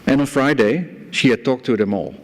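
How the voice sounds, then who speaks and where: A Dutch-accented man from the Netherlands gives a conference presentation as a guest speaker, telling stories with light, self-deprecating humor. His medium-pitched voice is animated and fairly quick. The lecture-room recording carries hall reverb and a little hiss or hum.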